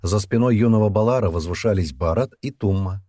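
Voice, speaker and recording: A man narrating a fantasy novel as an audiobook in a steady, low-key way. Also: brisk, no room sound, clean studio sound. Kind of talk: scripted fiction narration.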